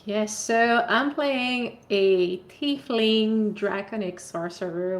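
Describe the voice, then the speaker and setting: Slow-talking woman. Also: mid-range voice. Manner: slow, halting, frequent uh and self-corrections. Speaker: player. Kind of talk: casual live-stream chat.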